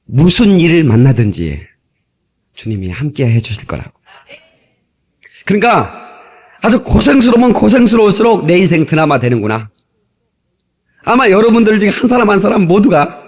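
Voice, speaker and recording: A middle-aged male pastor preaching emphatically, with shouted exclamations and calls to the congregation. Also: mid-range voice. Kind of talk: sermon.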